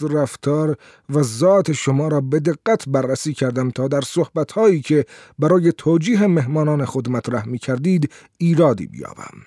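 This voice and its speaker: A man reading the part of a scheming, smooth-tongued revolutionary prosecutor who speaks with silky menace. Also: mid-range voice, warm tone, dry recording, studio quality, lightly acted. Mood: threatening. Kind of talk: audiobook character reading.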